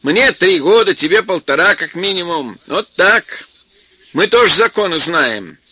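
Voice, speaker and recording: Man playing a defiant hot-headed young country man, shouting, bright, husky. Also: sits high, animated, a little slow, dry recording, pitched above the performer's own voice, heavily acted.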